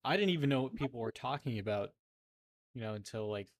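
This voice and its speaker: A young man co-hosting a podcast, animated and sarcastic in casual chat, full of "like" fillers. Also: mid-range voice, fast talker. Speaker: podcast co-host.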